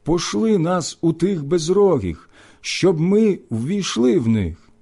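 A man voicing a tormented man possessed by many demons, crying out loudly and pleading. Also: on the high side, lively intonation, slow pace, slightly rough, voice pushed up, exaggerated voice. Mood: begging.

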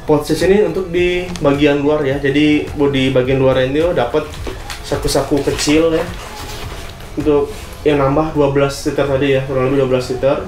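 A young man talks through an unboxing in a relaxed, chatty way, dropping fillers as he goes. His voice stays fairly flat. He is recorded in an echoey room with faint music playing underneath. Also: on the high side, normal speed. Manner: chatty, many fillers and tag questions. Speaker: vlogger reviewing gear. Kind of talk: casual product unboxing. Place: small indoor room full of gear. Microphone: camera on tripod, seated.

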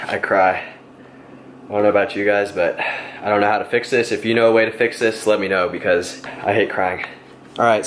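A young man in his twenties, a fitness vlogger, gives an easygoing, step-by-step cooking how-to in his home kitchen. His voice is on the low side, with slight background noise.

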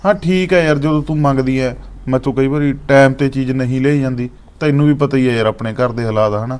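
An actor playing a patient young husband who pleads and soothes, with a Malwa Punjabi accent, in a Punjabi short drama. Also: male voice, medium pitch, fast, a little mellow, smooth, natural voice. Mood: reasoning. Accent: Punjabi, Malwa region. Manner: pleading, soothing, keeps offering tea.

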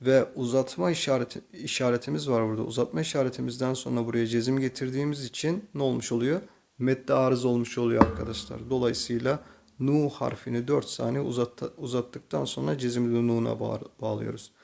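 A man with a Turkish accent teaching slow Quran reading, patiently explaining each letter and then reciting the words slowly and drawn out. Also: medium pitch, steady tone, creaky, a little mellow, slight background noise. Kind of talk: slow tajweed reading lesson.

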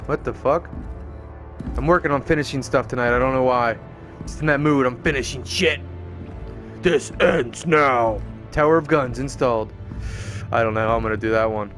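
A man's voice: mid-range voice, fairly quick, a bit bright, faint music behind. A man giving casual game commentary as a streamer, crude and sarcastic, swearing freely. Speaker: gaming streamer. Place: indoors, game audio and music behind the voice.

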